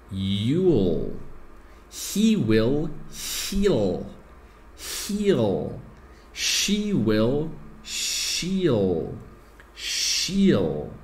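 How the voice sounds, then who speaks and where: A man whose first language is English teaches grammar to learners in Portuguese, explaining patiently and modeling pronunciation slowly. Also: medium pitch, a little hiss or hum.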